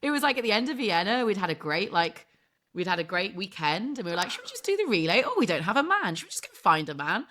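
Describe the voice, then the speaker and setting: A sports broadcast journalist from England, a woman in her thirties, chats casually as a podcast guest, laughing often, poking fun at herself and filling her speech with "like." She talks fast in a mid-range, slightly bright voice with big pitch swings.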